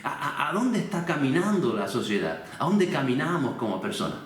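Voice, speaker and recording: Male preacher, mid-pitched, earnest and personal, asking rhetorical questions; boomy echoing room at home. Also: big pitch swings, fairly quick. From Canary Islands. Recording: very echoey room.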